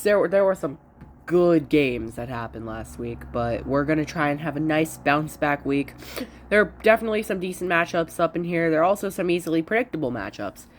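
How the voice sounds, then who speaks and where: A woman chatting casually through her football picks, stuffy from allergies, self-deprecating and quick to restart her sentences. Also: low-pitched. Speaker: sports prediction vlogger. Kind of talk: casual solo commentary.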